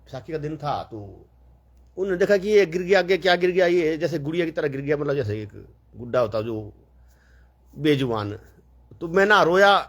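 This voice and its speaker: A man's voice: a little high, animated, normal speed. A man telling a long, rambling story in a casual, chatty way, full of fillers and quoted dialogue.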